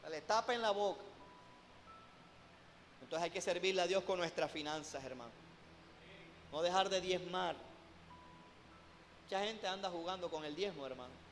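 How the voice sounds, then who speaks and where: High-voiced preacher man in reverberant church. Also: slight background noise. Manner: emphatic, repeatedly calling out "hermano" to the congregation. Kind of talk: sermon.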